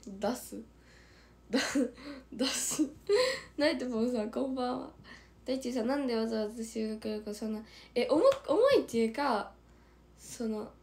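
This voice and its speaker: Hoarse chatty Kansai woman on a stream. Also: on the high side, darkish tone. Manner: chatty, often dropping into a breathy whisper. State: hoarse, strained throat. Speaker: idol livestreamer. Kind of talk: casual livestream chat reading viewer comments.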